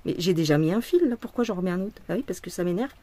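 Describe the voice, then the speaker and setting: A woman's voice: on the low side, expressive, quick pace, mellow. A woman vlogging casually while she embroiders, venting her frustration, swearing and rambling with lots of restarts. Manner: rambling with many restarts and fillers. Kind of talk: casual vlog while stitching.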